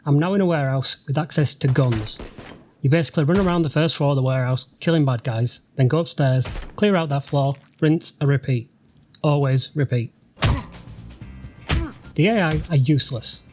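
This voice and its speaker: A man's voice: a little high, normal speed, darkish tone, slight background noise. A man from the UK, a gaming channel host, giving sarcastic, dryly mocking voice-over commentary over gameplay. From United Kingdom. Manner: sarcastic, dry mocking humour. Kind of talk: let's-play voice-over commentary.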